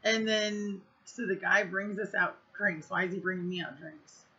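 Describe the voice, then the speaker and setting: A woman's voice: mid-range voice, normal speed, sharp tone, highs cut off. A woman telling a story in a casual vlog, blunt and profane, rambling with lots of fillers. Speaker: vlogger.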